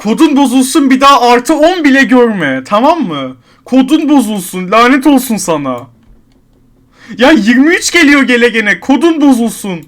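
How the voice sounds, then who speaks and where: A man's voice: extremely high pitch, big pitch swings, moderate pace, fairly bright tone. A man giving gameplay commentary at his computer, counting numbers under his breath and grumbling in frustration at an item. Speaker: online game streamer.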